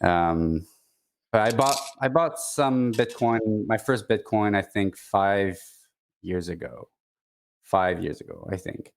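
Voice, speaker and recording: This is a man from Quebec, a native French speaker with a Quebecois accent, chatting casually as a guest. His voice is lowish with a little hiss or hum on the recording. He talks haltingly, stopping and restarting often and leaning on fillers.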